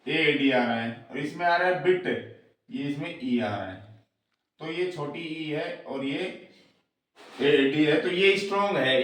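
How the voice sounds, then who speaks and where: A man teaching English grammar in Hindi, spelling out letters and sounds slowly and repeating each rule in two languages. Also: on the high side. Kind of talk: slow explanatory lesson, mixing Hindi and English. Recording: very echoey room, voice far from the mic.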